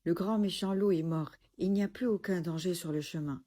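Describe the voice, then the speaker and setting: A woman's voice: fairly low pitch, fairly quick, dark tone, natural voice. A woman voicing a stern, protective male hunter, firm and commanding, from a children's storybook.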